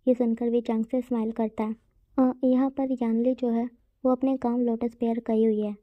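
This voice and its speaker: A woman's voice: fairly high pitch, flat delivery, moderate pace, phone-quality sound. A woman narrating a story in a casual, chatty way, talking straight to her listeners. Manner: chatty, addresses the listeners directly.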